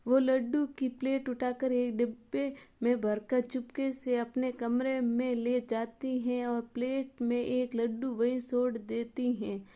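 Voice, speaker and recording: A woman narrating a moral storybook tale in an even, unhurried scripted reading. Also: fairly high pitch.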